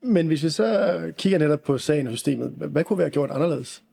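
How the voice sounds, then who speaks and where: A man interviewing a guest, asking brisk, direct questions. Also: a little high, vocal fry, warm tone, slightly rough.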